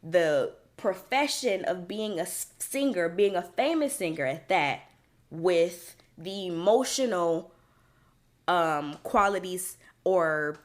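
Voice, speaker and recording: A woman's voice: fairly low pitch, expressive, slow. A young woman talks through her thoughts on her own podcast. Her delivery is casual and reflective, full of "like" and restarts as she works out what she means. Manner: chatty and reflective, many fillers and restarts. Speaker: podcast host. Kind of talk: casual solo podcast monologue.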